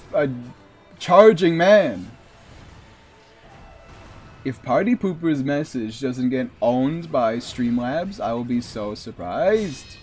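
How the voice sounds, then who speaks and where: A man's voice: a little high, a little mellow. A man streaming a video game, rambling in casual commentary and swearing at the boss now and then.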